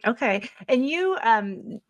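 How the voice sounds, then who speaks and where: A woman's voice: a little high, big pitch swings, takes it slowly. A woman hosting a podcast, reading her introduction and then interviewing her guest with encouraging murmurs. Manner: warm and encouraging, frequent affirming murmurs. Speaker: podcast host.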